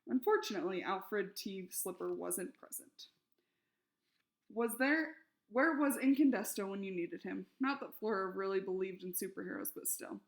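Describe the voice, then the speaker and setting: A woman reading a children's novel aloud, expressive and lively in the characters' shouted lines. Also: medium pitch, normal speed. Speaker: reader.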